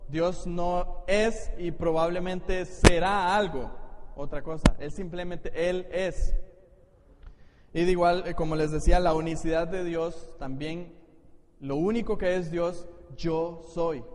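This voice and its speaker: A man's voice: fairly high pitch, steady tone, slow pace. A man with a Costa Rican accent, a pastor giving a Bible study to his congregation in an explanatory teaching manner. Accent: Costa Rican Spanish. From Costa Rica. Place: church hall. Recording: echoey church hall, faint noise.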